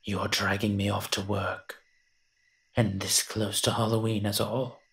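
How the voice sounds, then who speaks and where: A male voice actor in an audio roleplay performs a scripted monologue as a grumbling, reluctant invisible monster who is secretly soft-hearted. His low voice is unhurried and flat, with a dry, sardonic, grumbling manner, and the mood is playful.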